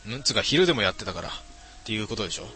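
A man's voice: on the low side, big pitch swings, very fast, sharp tone, soft background music. A middle-aged man streaming late at night, reading viewer comments aloud in a casual, mumbling way with many fillers.

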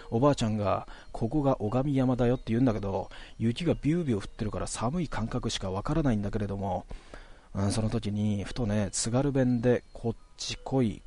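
A man casually telling a ghost story in a relaxed, conversational way, stretching out some phrases. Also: fairly low pitch.

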